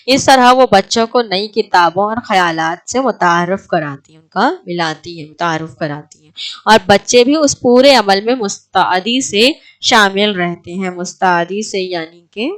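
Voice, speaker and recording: A woman's voice: mid-range voice, expressive. A woman teaching an exam prep lecture, asking her class questions and then answering them herself.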